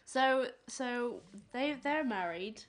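A woman's voice: fairly high pitch, animated, slow. A young woman co-hosting a podcast in casual chat, emphatic and opinionated, with some swearing. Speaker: podcast co-host.

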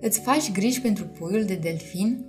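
A protective young prince speaks softly and calmly, as a woman reads his lines in her usual voice. He sounds steady and kind. Faint music plays behind. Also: medium pitch, close to an everyday voice. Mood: gentle. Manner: gentle, calm.

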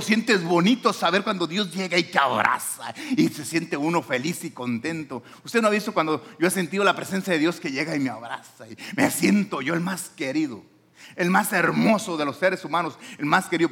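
Animated preaching man, high voice. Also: husky. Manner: emphatic preaching, voice swinging up and down. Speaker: pastor. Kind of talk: sermon.

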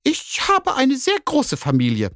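A man voicing a cheeky, boastful female neighbor cat in a children's story, with a high, snippy manner. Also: wildly swooping pitch, measured pace, fairly bright tone, no room sound, clean studio sound, heavily acted.

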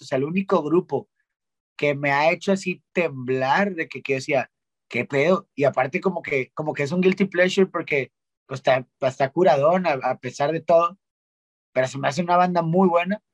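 A young man from Monterrey, telling stories as a guest in a casual, slangy, animated way with lots of restarts. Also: on the high side, moderate pace, dry recording. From Monterrey, Mexico. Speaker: guest singer-songwriter. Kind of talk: casual interview chat.

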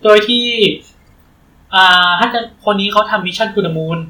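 A man co-hosting a podcast in casual chat, chatty and quick to laugh. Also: high-pitched, pushed and bright, far from the mic, slight background noise. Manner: chatty, laughs often, reads details aloud. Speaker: podcast co-host. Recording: roomy, from off-mic, faint ambience.

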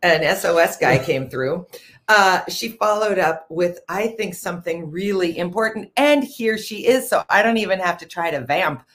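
Chatty woman host with a lowish voice. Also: expressive, moderate pace, fairly bright tone. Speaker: show host. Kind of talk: casual conversational interview.

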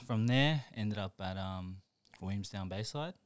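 Young aussie bloke chatting on a podcast, low voice, chuckles a lot, bits trailing off, dry mic. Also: male voice, slow pace, fairly bright tone, no echo. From New Zealand. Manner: laid-back, laughs often, trails off mid-sentence. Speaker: podcast guest. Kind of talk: casual chat.

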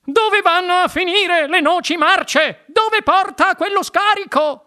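A woman voicing a wealthy mother who shrieks in high, frantic panic. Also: takes it slowly, sharp tone, full character voice. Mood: alarmed. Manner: screeching, frantic.

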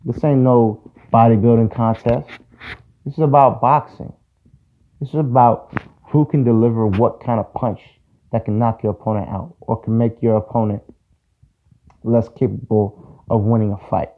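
A man's voice: medium pitch, fairly even intonation, moderate pace. A man hosting a casual sports talk show, giving his opinions in a conversational way and repeating points for emphasis. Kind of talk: casual solo sports commentary. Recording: tinny phone-like audio.

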